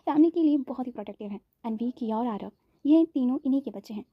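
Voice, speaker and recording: A woman narrating a dramatized story with lively acted dialogue. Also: high voice, quick pace, no echo. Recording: dull, dry lo-fi recording.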